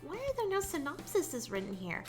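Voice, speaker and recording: High, bright woman streamer; casual and giggly, faint game music underneath. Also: wildly swooping pitch, normal speed. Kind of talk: casual livestream chat.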